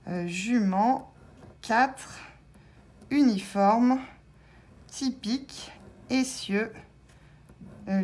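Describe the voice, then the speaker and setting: A woman's voice: fairly high pitch, husky. A woman vlogger commenting casually and hesitantly as she scratches lottery tickets, spelling out letters with many fillers.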